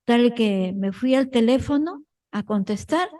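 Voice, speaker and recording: A woman from a parish group telling her own story to the group at an unhurried pace. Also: a little high, expressive, mellow, low-quality recording. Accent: Peruvian Spanish. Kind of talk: personal account in a group.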